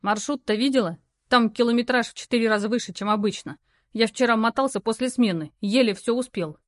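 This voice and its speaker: A woman voicing a gruff, burly male courier who talks curtly and in rough slang. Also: a little high, a little fast, no echo, clean studio sound, natural voice.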